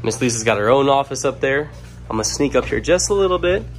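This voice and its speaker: A young adult man from Louisiana vlogs casually, starting outdoors by a waterside dock and then walking viewers through a small shop, speaking straight to them in an upbeat way. His voice sits at medium pitch with lively intonation and a quick pace. A handheld camera held close picks him up, with slight background noise.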